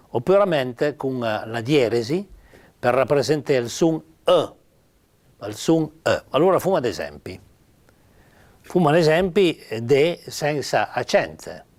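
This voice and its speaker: An older man with a Piedmontese accent giving an informal spoken lesson on spelling, halting with many pauses and fillers. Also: mid-range voice. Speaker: writer teaching Piedmontese spelling.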